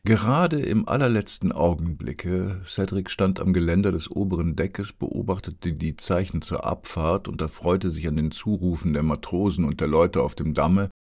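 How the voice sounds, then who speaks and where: A man reading a storybook aloud in a calm, even narrating voice. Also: low-pitched.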